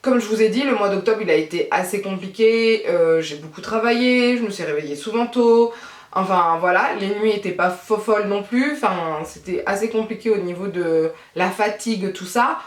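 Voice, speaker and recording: A woman's voice: medium pitch, moderate pace, distant mic. A woman chatting casually as a beauty vlogger at home, with a self-mocking, easygoing way of talking. Her voice sits in the middle range and sounds a little back from the mic. The room around her is echoey. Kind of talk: casual chat to camera. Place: at home, child nearby.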